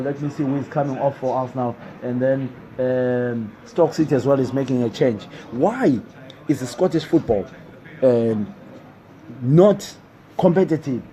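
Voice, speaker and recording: A man's voice: medium pitch, mellow, low-quality recording. A man hosting a live football talk stream indoors, repeating his questions and calling on viewers to reply. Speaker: sports show host. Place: indoors in a building.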